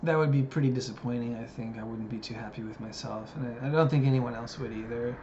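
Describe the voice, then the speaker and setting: Speaking fast in a slightly mellow, medium-pitched voice, a vlogger in his thirties based in Japan muses through a reflective monologue. He hesitates often and leans on fillers, and the dull lo-fi recording has background noise.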